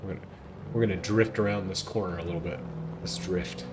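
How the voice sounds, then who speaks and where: Excitable male game streamer. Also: deep voice, brisk, heavy background noise. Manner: excitable, chatty. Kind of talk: casual gameplay commentary.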